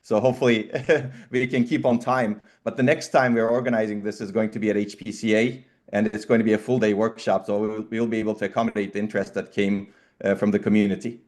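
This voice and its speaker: Remote professor on a video call, fairly low male voice, calm welcoming remarks with many pauses. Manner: unhurried, with frequent "uh" pauses. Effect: remote speaker heard over a video call. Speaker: professor and workshop co-organizer.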